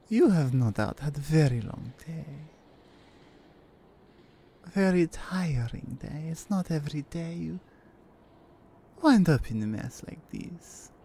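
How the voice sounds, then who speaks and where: In an intimate ASMR roleplay, a woman plays a seductive, menacing member of a Russian crime family, speaking with a Russian accent as she teases and gives commands. Her low, mellow, full character voice moves from a breathy murmur into whispers, slow, deliberate, dominant and teasing.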